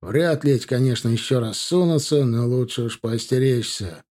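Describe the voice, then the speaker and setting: A calm army captain speaks with quiet, approving authority, as a male narrator voices him. His voice is dark and mellow. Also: medium pitch, normal speed, lightly acted. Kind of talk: audiobook character voice.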